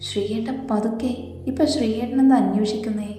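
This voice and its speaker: A woman voicing a patient young woman who speaks quietly and teases. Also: on the high side, fairly even intonation, fairly quick, heavy reverb, in a large hall, soft background music, natural voice. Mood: teasing. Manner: quiet, teasing.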